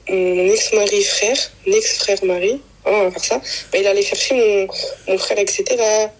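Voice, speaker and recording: Husky young woman telling a story. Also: mid-range voice, steady tone, moderate pace, poor audio. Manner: rambling, fillers, acts out quoted lines. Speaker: guest telling her story. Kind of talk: casual chat, personal story.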